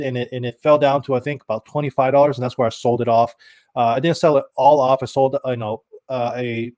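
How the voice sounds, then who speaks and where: A man's voice: medium pitch, darkish tone, dry recording, studio quality. A man hosting a live stream about stocks, chatting casually, reading viewer comments and restarting his sentences with many fillers. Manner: thanks viewers by name, reads chat comments. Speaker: stock channel host.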